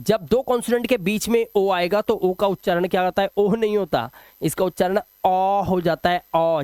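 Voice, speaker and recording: A man teaching English phonics rules in a video lesson, patiently repeating example words slowly and quizzing the viewer. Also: high-pitched, a little mellow, clean tone, no echo, clean studio sound.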